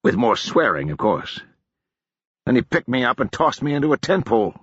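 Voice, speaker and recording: Man doing a wry deadpan army officer, raised husky voice, lively swings in pitch, dry dull audiobook sound. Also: moderate pace, no room sound. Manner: deadpan, ironic. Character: wry lanky male soldier officer, dry humor.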